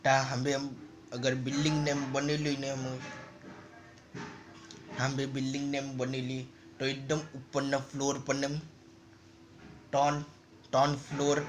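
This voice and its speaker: A man's voice: medium pitch, level tone, normal speed, pauses often. A man casually narrating a story over a game, in loose, rambling and repetitive phrases. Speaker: gaming channel narrator.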